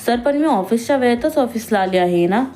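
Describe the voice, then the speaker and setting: A woman voicing a timid young female employee who speaks softly and nervously, with faint music behind. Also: fairly high pitch, animated, brisk, pitched above the performer's own voice, lightly acted. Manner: soft-spoken, nervous, innocent.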